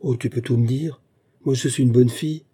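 A man's voice: medium pitch, steady tone, fairly quick, dark tone, breathy edge, natural voice. A man reading the part of a sly, calculating young actress in an audiobook, with a chirpy, coaxing manner.

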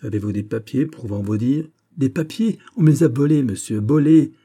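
A man reading an audiobook, voicing a furious bearded Russian policeman who shouts and repeats himself. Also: medium pitch, moderate pace, slightly rough, close to an everyday voice. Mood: indignant. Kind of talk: audiobook character voice.

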